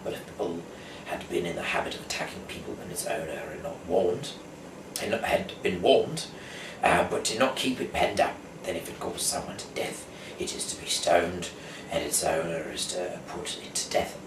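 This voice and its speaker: This UK man has a very low voice and hosts a session that starts as casual rambling and moves into reading scripture aloud as an amateur Bible reader. He's halting and stumbles over words, recorded from a distance in a reverberant, echoey room with clear background noise.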